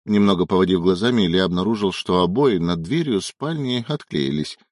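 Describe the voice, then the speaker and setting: A man narrating a novel in an expressive, measured audiobook reading. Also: on the low side, dry recording, studio quality. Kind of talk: scripted narration.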